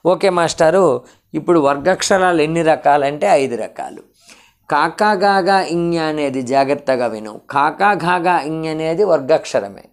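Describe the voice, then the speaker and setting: A man's voice: a little high, normal speed. Man teaching a grammar lesson. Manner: asks questions and answers them himself; drills lists with shifting pace. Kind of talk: exam-prep grammar lesson.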